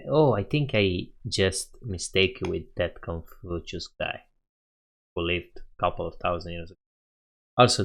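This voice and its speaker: A young man with a Romanian accent and a low-pitched, fairly bright voice chats casually with viewers during a coding live stream. He laughs often and thinks aloud as he goes.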